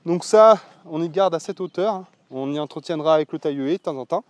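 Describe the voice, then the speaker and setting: Slightly high-voiced man chatting outdoors. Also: brisk, no room sound. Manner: loose, salty speech with many fillers and swearing. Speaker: vlogger showing his land. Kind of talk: casual walk-and-talk vlog. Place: outdoors on rural land. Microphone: mic with foam windscreen.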